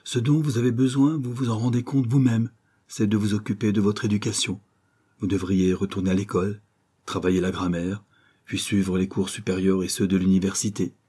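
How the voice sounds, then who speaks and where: A man's voice: fairly low pitch, flat delivery, fairly quick, dark tone, slightly rough. A man reading an audiobook, voicing a refined, earnest young woman who patiently corrects someone's speech. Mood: sympathetic.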